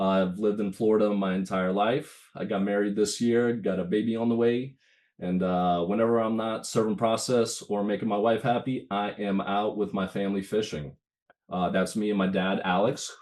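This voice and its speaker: A man's voice: deep voice, a little mellow. Give me a man in his thirties with a slight cold, presenting a lesson over a video call in a loose, conversational way. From Ukraine. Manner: conversational, with frequent fillers and restarts. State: has a cold, itchy throat. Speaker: presenter at a bar webinar. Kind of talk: casual webinar presentation.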